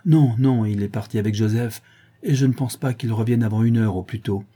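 A man's voice: lowish voice, fairly quick, mellow, husky. A man reading aloud and voicing a kindly farm servant woman who speaks in a soothing, reassuring way.

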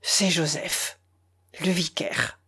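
A woman voicing a solemn older bishop in a read-aloud novel, speaking in grave, measured, admonishing tones. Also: fairly low pitch, gravelly, sharp tone, slightly rough, heavily acted.

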